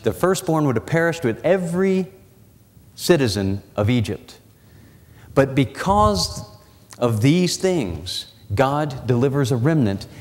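Man preaching with dramatic low emphasis. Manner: walks the platform, gesturing as he preaches. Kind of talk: sermon. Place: church sanctuary. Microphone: lapel mic and pulpit mic. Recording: church hall reverb.

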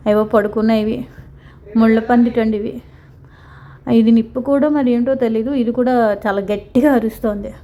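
A woman's voice: a little high, dark tone. A woman vlogger chatting casually and sympathetically, rambling with frequent restarts. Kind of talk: casual vlog voice-over.

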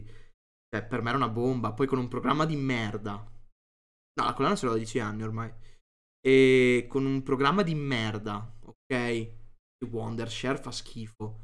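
Young streamer, sharp bright voice, cursing a lot and laughing at himself. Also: male voice, medium pitch. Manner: profane, jokey, self-mocking. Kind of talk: casual live-stream commentary.

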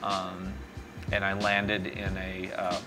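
Deep and completely flat, with vocal fry, the voice of this middle-aged man moves slowly as music plays in the background. Born in Mexico and raised in East Texas, the startup CEO and founder rambles, stopping and restarting with many fillers, during a casual interview at a small café's street window.

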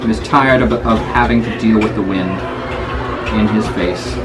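A middle-aged man improvising fantasy lore as master of a fair ceremony, theatrical and mock-indignant, with halting delivery. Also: lowish voice, over loud music. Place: open-sided wooden booth in the woods at a fair. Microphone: camera a few steps away. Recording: noisy, distant outdoor camera recording. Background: loud ambient fairground noise.

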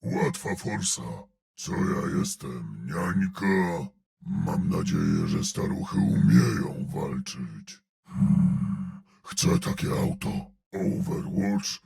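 Wieprz, a gravelly brute. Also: male voice, a bass voice, very animated, slow, a little mellow, exaggerated voice. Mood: gruff. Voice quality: gravelly, growling. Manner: terse barked battle callouts, dry sardonic remarks. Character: huge gruff male brute, grim and surly. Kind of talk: video game voice lines.

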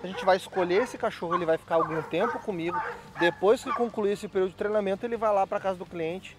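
A man, a dog trainer, calmly explaining step by step how he picks a puppy. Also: high voice, quick pace, heavy background noise. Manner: calm, methodical explanation.

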